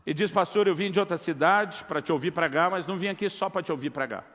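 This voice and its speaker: A man's voice: on the high side, fast talker, fairly bright tone, in a large hall. A middle-aged Brazilian man preaching a sermon as pastor, telling a personal testimony and acting out the dialogue, calling his listeners brother. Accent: Brazilian Portuguese. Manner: storytelling, acts out quoted dialogue, addresses listeners as brother.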